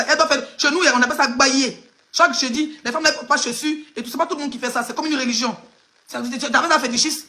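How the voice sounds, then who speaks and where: This online gossip blogger from Côte d'Ivoire speaks high and bright with real force. In her Ivorian French accent, she mocks her target emphatically, talking directly to them as she comments live.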